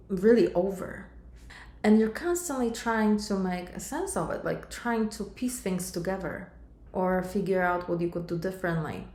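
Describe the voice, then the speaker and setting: A middle-aged Polish woman with a Polish accent and a fairly low-pitched voice works as a life coach, delivering a monologue straight to camera. She addresses her viewers warmly as "sister" and "my love," and the sound is roomy.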